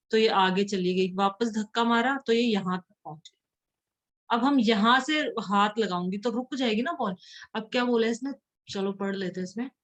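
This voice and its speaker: A woman teaching a school science class in Hindi. Her voice sits a little high, and she goes patiently through each point. When she reads the English lines from the book, she slows right down. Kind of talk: classroom lesson.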